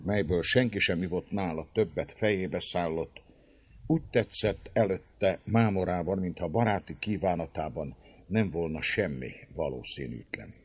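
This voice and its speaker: A man narrating an audiobook in an expressive storytelling manner. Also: low voice, breathy edge, no room sound. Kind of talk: audiobook narration of a historical novel.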